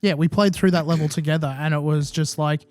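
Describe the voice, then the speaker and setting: A man's voice: on the high side, fairly even intonation, fast talker, no room sound. A man co-hosting a casual gaming podcast, chatty and exasperated, with some swearing. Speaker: podcast co-host.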